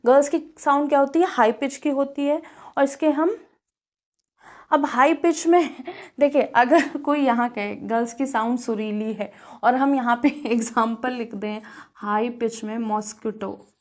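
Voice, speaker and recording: A woman teacher with a Kanpur Hindi accent, giving a classroom physics lesson and explaining step by step, repeating key words and pausing on fillers. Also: on the high side. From India.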